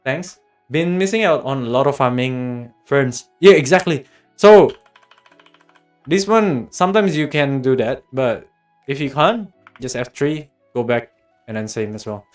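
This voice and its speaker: An Australian man with a mid-range, unhurried voice hosts a livestream, chatting casually and directly with viewers while giving game guidance as a guide maker. Background music plays behind him.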